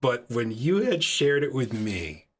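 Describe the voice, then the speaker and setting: A man's voice: medium pitch, very animated, unhurried, background noise. A man hosting a podcast, chatting casually with a friend, often repeating phrases and restarting sentences. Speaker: podcast host.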